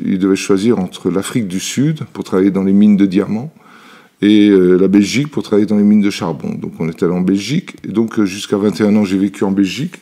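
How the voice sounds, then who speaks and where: A man's voice: deep voice, mellow. A man in his seventies from Italy, telling his life story as an interview guest in his workshop, with hesitant speech full of fillers and restarts. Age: 70s. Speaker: interview guest, elixir maker. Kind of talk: relaxed personal storytelling.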